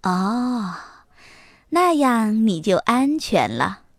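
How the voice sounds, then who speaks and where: A woman voicing a gentle, worried mother fox in a children's storybook reading, soft and encouraging. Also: medium pitch, sing-song, slow, no room sound, studio quality. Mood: caring.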